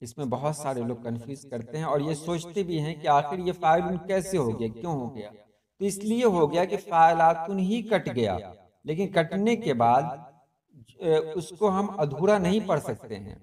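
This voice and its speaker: A man's voice: fairly high pitch, lively intonation, moderate pace, a little mellow, far from the mic. A man teaching the meter of poetry in a patient lesson, chanting each metrical foot aloud and repeating it. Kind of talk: explanatory lesson.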